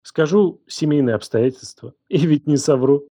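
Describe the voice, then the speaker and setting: A man voicing a distraught young woman who raised the man she now accuses, her voice trembling, shouting and hissing. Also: a little high, normal speed, dry recording, studio quality, voice pushed up, natural voice. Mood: bitter. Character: distraught furious young woman, betrayed guardian.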